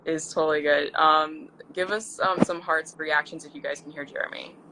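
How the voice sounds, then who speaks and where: A woman's voice: deep voice, fairly even intonation, moderate pace, very noisy. A woman in her twenties from Central Maryland, hosting a casual live video interview and chatting encouragingly with her guest. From Central Maryland, USA. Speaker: host.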